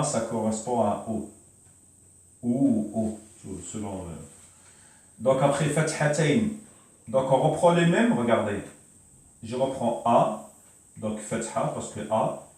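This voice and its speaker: The heavy echo and far-off mic capture a man's medium-pitched, somewhat mellow voice as he leads a beginners' Arabic class at a whiteboard. He is patient, tends to repeat himself, and pauses in hesitation many times.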